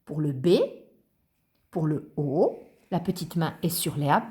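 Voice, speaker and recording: A woman's voice: low voice, slow pace, mellow. A woman teacher patiently explaining cursive handwriting to young children, step by step.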